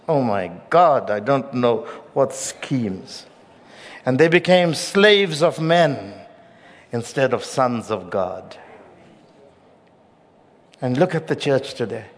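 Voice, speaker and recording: A middle-aged man preaching a sermon as pastor, with emphatic loud peaks and hushed drops. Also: mid-range voice. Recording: long reverb of a large hall.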